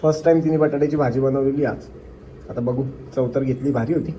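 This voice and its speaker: A man's voice: mid-range voice, fairly even intonation, fast talker, dark tone, lo-fi sound, slight background noise. A young man with a Marathi accent, teasing and joking in casual couple vlog banter. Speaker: vlogger, husband.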